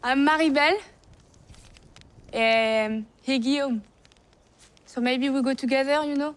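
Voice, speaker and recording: High-voiced french woman survivor, halting broken english, slow and blunt. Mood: guarded.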